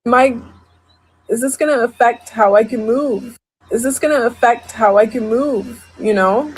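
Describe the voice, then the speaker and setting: A young woman speaking to camera in a personal video, halting and hesitant, with many ums and restarts. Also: a little high, darkish tone, slightly rough. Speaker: social media video poster.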